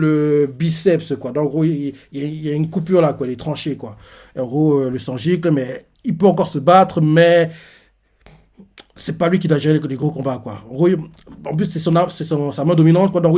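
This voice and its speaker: A man's voice: fairly high pitch, mellow. Rambling young man's manga reaction. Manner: rambling, full of fillers and "en gros". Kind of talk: casual reaction commentary.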